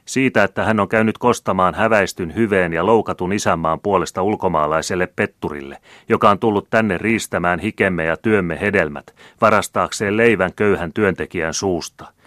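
A man reading the part of a cunning, fearless count who loudly rouses an angry crowd. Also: sits low, hardly any pauses, no echo, studio quality, pitched above the performer's own voice. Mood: rousing. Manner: loud, rousing oratory. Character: cunning, fearless male count rousing a mob.

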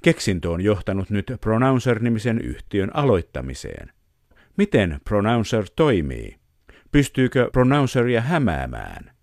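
Low, lively-voiced radio host. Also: male voice, dry recording, clean studio sound. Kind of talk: scripted radio narration and interview.

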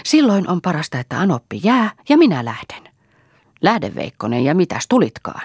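A woman voicing a defiant, sharp-tongued young wife with a raised voice, in an audiobook. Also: a bass voice, sing-song, husky, dry recording, studio quality, heavily acted.

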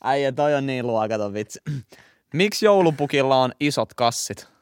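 A man's voice: mid-range voice, expressive, clean tone, dry recording, clean studio sound. A young man co-hosting a podcast, chatting casually and trading crude jokes in a playful, teasing way. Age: young adult. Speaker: podcast co-host.

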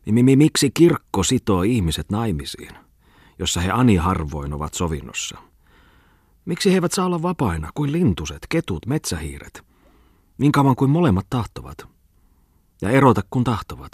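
A man voicing an excitable middle-aged man who rants in a whining, high-pitched voice. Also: breathy edge, no room sound, studio quality. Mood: heated ranting.

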